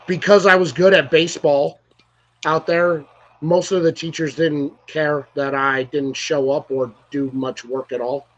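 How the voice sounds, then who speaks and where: A man's voice: a little high, fairly even intonation, unhurried. A man, hosting a casual interview chat and telling rambling stories with many restarts. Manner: loose, rambling storyteller with frequent restarts. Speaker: podcast host. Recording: dull lo-fi audio.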